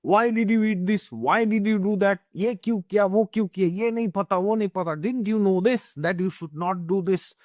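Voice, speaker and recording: Brief: taunting relative, as a man puts him on, high scolding tone, sharp close-mic sound. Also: moderate pace, few pauses, no echo, lightly acted. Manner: scolding, mocking. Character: nagging middle-aged relative taunting someone.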